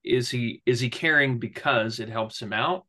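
A man's voice: mid-range voice, moderate pace, pushed and bright. A man co-hosting a casual podcast discussion, with wry, self-deprecating humor. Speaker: podcast co-host.

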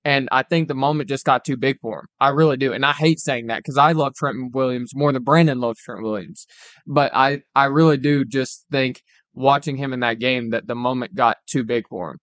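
A man's voice: mid-range voice, normal speed, a bit bright, dry recording. A young man co-hosting a casual sports podcast, analysing the game and often saying "like" and "literally". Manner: analytical, peppers talk with "like" and "literally". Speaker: podcast co-host.

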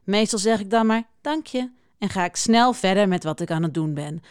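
A woman reading a children's picture book aloud, expressive and lively, voicing the animals. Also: medium pitch, a little fast, smooth, no room sound, clean studio sound. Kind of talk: children's story read-aloud.

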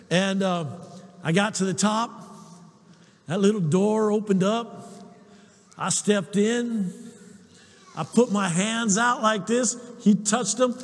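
A man, a pastor preaching a sermon, telling stories with animated, self-deprecating humor. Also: sits high, in a large hall.

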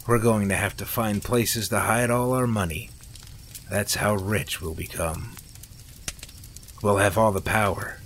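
A man's voice: on the low side, steady tone, measured pace, pauses often, a bit bright, slight background noise. A man voicing a ruthless, greedy ringleader who talks in a cold, calculating way. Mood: scheming.

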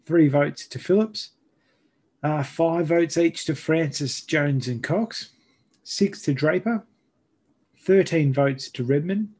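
Husky, higher-voiced Australian man co-hosting footy podcast. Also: slow, darkish tone. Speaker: sports podcast co-host. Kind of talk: casual football chat and tallies.

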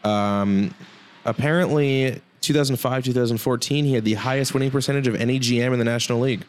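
A man co-hosting a casual hockey podcast, joking and rambling with quick asides. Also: mid-range voice. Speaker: podcast co-host.

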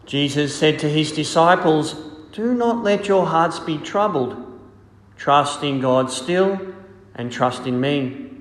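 A man speaking as a priest, reading scripture and preaching in a solemn, measured way in an echoing church. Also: fairly high pitch, animated. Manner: solemn, measured, deliberate phrasing. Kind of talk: liturgical reading and homily. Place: large reverberant church. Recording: echoey church with long cathedral-like reverb.

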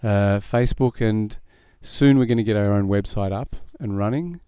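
A man's voice: fairly low pitch, normal speed, mellow, clean tone, no echo, clean studio sound. A middle-aged musician, a man, chatting as a podcast guest, rambling and self-deprecating with frequent laughs. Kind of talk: casual podcast interview.

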